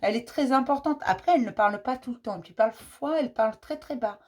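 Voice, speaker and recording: A woman hosting a daily card-reading message, speaking gently and reassuringly to her viewers and often repeating herself on purpose. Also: on the high side, fast. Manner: warmly addresses viewers as dear ones. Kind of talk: casual spiritual advice to viewers.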